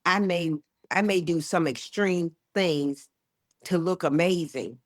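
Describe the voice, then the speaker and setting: A woman in her sixties, a health educator talking as a guest in an interview, emphatic and lively, often acting out what people say. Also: lowish voice, takes it slowly, no echo, clean studio sound. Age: 60s. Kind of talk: casual interview chat.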